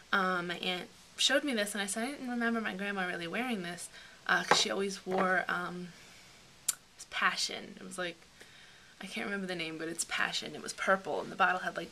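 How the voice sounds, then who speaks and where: Bright, chatty young woman vlogger. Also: lowish voice, a little hiss or hum. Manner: chatty, rambling, many fillers. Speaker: beauty vlogger. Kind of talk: casual product review chat.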